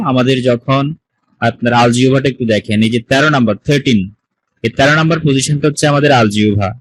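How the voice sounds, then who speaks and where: A man leads an online pronunciation lesson, patiently working through each point and asking his students questions as he goes. His voice sits at an ordinary middle pitch. The sound is dry and close, as if from a computer mic on a call. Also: no echo, low-quality recording. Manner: patient, explains step by step with questions to the class. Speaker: Sanskrit teacher. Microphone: computer mic on a video call.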